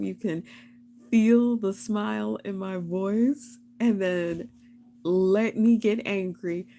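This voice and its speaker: A woman's voice: mid-range voice, dark tone, slight background noise. A young woman hosting a casual live stream, chatting and rambling with frequent laughs.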